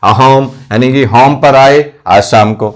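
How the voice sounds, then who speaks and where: A man's voice: medium pitch, a little slow. A male coaching teacher explaining memory tricks for exam facts. He keeps asking questions and answering them himself, repeating key words. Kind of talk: mnemonic lesson for competitive exams.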